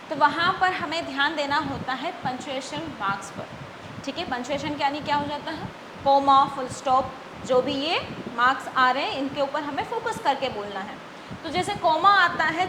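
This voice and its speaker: A woman with a very high voice teaches a beginners' English class, asking a question and then answering it herself. The room echoes and a steady noise runs underneath. She explains each point patiently. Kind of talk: classroom lesson, Hindi with English.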